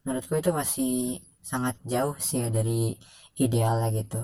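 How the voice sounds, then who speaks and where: Anonymous young man via voice changer, mid pitch, calm and dryly critical testimonial. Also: moderate pace, no echo. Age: 20s. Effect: voice changer disguising the voice. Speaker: former student giving a testimonial. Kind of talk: casual recorded testimonial.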